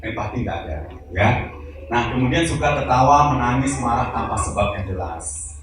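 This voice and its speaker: A man's voice: medium pitch, lively intonation, normal speed. A man giving a live seminar, joking with the audience and acting out examples as he talks. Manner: joking, addresses audience directly, acts out examples. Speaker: seminar speaker. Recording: echoey hall, voice from far off, noisy.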